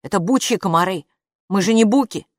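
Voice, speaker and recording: A woman's voice: medium pitch, brisk, dry recording, clean studio sound, lightly acted. A woman doing a gloomy, matter-of-fact boy. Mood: glum. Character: calm, gloomy know-it-all boy. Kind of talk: audiobook character voice.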